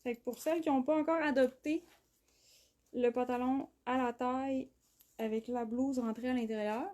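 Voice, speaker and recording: A woman with a Québécois accent hosting a live clothing sale, chatty, full of fillers and quick laughs. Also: sits high, fairly even intonation, darkish tone. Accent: Québécois French. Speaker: clothing brand host. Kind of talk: live shopping stream. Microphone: phone.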